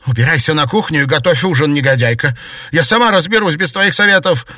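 A man reading aloud and voicing an excitable, hot-tempered lady of the house who exclaims and shouts. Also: medium pitch, normal speed, slightly rough, no room sound, clean studio sound, voice pushed up. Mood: shouting. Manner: exclamatory, fussing.

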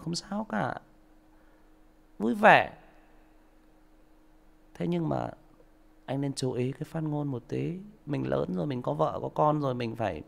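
A man's voice: medium pitch, vocal fry. A man, an audiobook narrator talking to listeners on a livestream in an indignant, lecturing way. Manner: lecturing, indignant, rhetorical questions.

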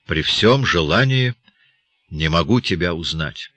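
A man reading an audiobook, playing a slow, suspicious old village headman who grumbles and curses. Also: sits low, expressive, pushed and bright, breathy edge, dry recording, full character voice. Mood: puzzled.

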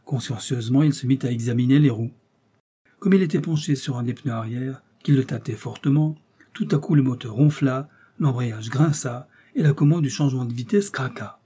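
A man giving steady, measured audiobook narration of a classic novel. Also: medium pitch, slightly rough.

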